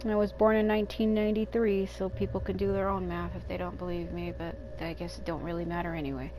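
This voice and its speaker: A woman in her thirties, speaking at home as a let's play gamer in casual, rambling gameplay commentary and thinking out loud. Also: lowish voice, little pitch movement, fast, background noise. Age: 30s. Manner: rambling and candid, thinking aloud. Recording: game music playing under the voice.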